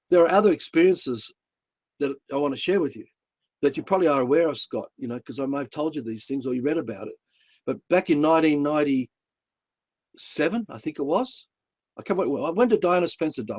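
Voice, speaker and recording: Emphatic Australian man telling a story. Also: no room sound. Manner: emphatic, blunt, swearing, swings between excited highs and hushed lows. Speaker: show host. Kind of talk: personal storytelling and spiritual talk.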